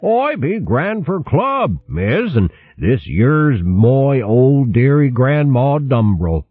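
A man voicing an old, hospitable grandfather mole who speaks slow, quavery rustic dialect. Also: mid-range voice, very animated, dry recording, voice pushed up. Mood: welcoming. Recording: thin phone-like dry sound.

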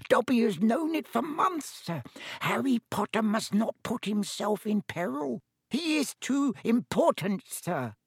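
A man voicing a small, anxious, devoted house-elf with a squeaky, hoarse voice, pleading in an audiobook story. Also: very animated, measured pace, no room sound, clean studio sound, heavily acted. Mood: fearful warning. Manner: pleading, speaks of himself in the third person.

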